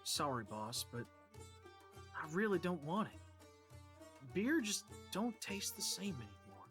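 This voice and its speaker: A woman's voice: lowish voice, big pitch swings, measured pace, fairly bright tone, faint music behind. A woman doing a bashful deer guy. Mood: easygoing. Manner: folksy, bashful and flustered. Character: big-hearted lovesick deer man, simple and rustic. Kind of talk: voice acting while reading a visual novel on stream.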